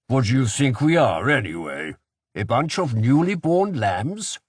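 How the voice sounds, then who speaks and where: A man voicing a gruff, impatient resistance leader who speaks in a demanding way. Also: medium pitch, sing-song, unhurried, dry recording, studio quality. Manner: brusque, demanding.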